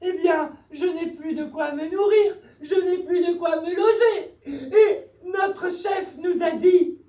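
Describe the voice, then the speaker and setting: A young male forest creature , voiced by a woman, with a very high voice, dragging out each word in a sighing, whimpering manner. He is funny but fretful. The sound is roomy and picked up from a distance. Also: slow pace, warm tone. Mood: worried, tearful. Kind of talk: live children's story theatre. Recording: roomy hall, distant mic.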